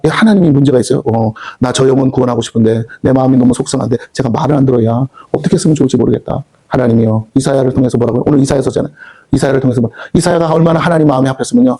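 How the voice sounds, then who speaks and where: A man's voice: a little high, a little mellow. A man preaching a Sunday sermon as senior pastor, fervently asking the congregation questions and acting out God's voice in casual speech. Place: church sanctuary.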